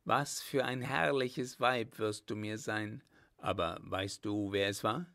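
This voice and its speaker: A man's voice: fairly low pitch, steady tone, slow, vocal fry, a bit bright, exaggerated voice. A man voicing a brave, ardent young male lieutenant with a firm, earnest manner. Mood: tender.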